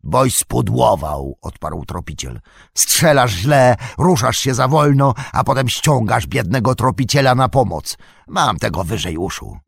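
A man's voice: medium pitch, lively intonation, measured pace, gravelly, husky, no room sound, studio quality, exaggerated voice. A man voicing a sly, cowardly male orc tracker in an audiobook reading, sneering and muttering. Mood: grumbling.

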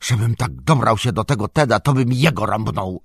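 A man voicing a young male hobbit who is loyal, excitable and fretful, bursting out in agitated, indignant speech. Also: low-pitched, measured pace, gravelly, husky, dry recording, studio quality, full character voice. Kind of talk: audiobook character voice.

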